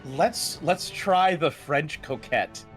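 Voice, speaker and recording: A man's voice: on the high side, animated, takes it slowly, a bit bright, soft background music. A man chatting casually as a player at a game table, deliberating hesitantly over his choices.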